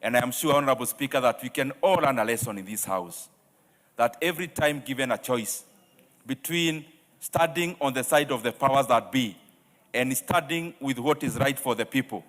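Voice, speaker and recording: A man's voice: mid-range voice, a bit bright. Kenyan man giving a speech in an echoing hall. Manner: formal, measured phrases with repeated honorifics. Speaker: member of parliament. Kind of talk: parliamentary tribute speech. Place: large parliament chamber. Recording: echoey chamber with long reverb.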